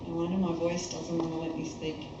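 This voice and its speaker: Female therapy practitioner, slow repetitive guided phrases with pauses, dull reverberant recording with clear background noise. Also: lowish voice, completely flat delivery. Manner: repeats short phrases, pausing between them. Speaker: EFT tapping practitioner leading a session. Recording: very echoey, noisy, dull room recording.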